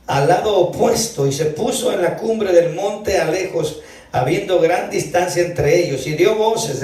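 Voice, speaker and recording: Male preacher, higher voice, reads scripture, says "brother" a lot, booming hall echo. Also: darkish tone. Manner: keeps calling listeners brother. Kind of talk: evening sermon reading scripture aloud. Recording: echoey hall, distant mic.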